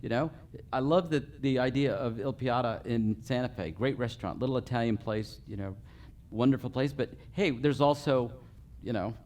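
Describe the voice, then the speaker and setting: A man's voice: mid-range voice, normal speed, few pauses, a little mellow, a little hiss or hum. A man giving a live customer service training, working through a numbered list and checking in with the group with frequent okays. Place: meeting room with a live audience.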